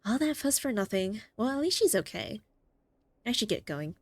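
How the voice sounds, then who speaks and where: A woman's voice: on the high side, normal speed, dry recording. A woman streaming a video game, reading its dialogue aloud and reacting expressively as she goes. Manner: expressive, exclaims and laughs at the story.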